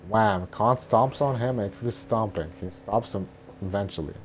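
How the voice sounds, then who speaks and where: A man reading scripted stage directions as narration in a monotone, stumbling way. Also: lowish voice, normal speed. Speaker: script reader. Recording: noticeable background noise.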